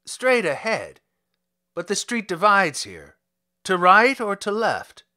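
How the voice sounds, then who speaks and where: A humble, deferential cab driver, played by a male reader asks for directions. His voice is bright and moves up and down freely. He sounds polite and a little confused. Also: sits high, huge pitch swings, slow, voice pushed up, heavily acted. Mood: puzzled.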